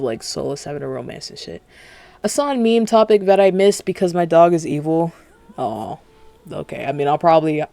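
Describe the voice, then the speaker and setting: Gravelly man rambling through late-night commentary. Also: on the high side, a little mellow, no echo. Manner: rambling, profane, self-interrupting. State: talking with retainers in. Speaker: streamer. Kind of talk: casual reaction commentary.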